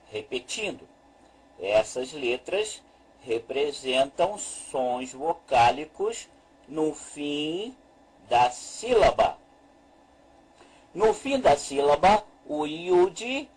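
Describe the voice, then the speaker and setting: A man teaching a slow, deliberate lesson as a Hebrew teacher, repeating each point and walking through a chart on screen. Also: a little high, slightly rough, poor audio.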